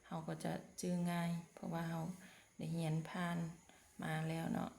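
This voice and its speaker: A woman teacher with a Lao accent talks pupils through English words at an unhurried pace, repeating each one patiently. Her voice sits low and flat, with a gravelly edge. The recording is roomy, with faint background noise. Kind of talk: vocabulary lesson for pupils. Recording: echoey room with faint noise.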